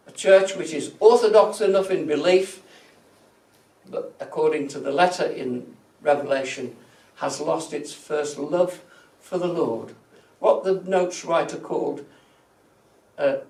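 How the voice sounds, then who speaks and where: A male church minister with a fairly high voice delivers a reflective sermon from prepared notes. He speaks with deliberation, stressing key words and letting the ends of phrases fade softly. The recording is very echoey and he sounds somewhat far from the microphone.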